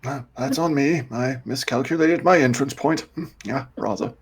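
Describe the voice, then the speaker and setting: A man's voice: medium pitch, normal speed, husky. A man voicing a prim, apologetic male troll who talks in fussy, formal words.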